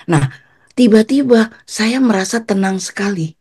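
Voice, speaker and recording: A woman giving a personal testimony as a guest, telling her story in an animated way and acting out the quotes. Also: measured pace, husky. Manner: animated, acts out quotes with pitch jumps.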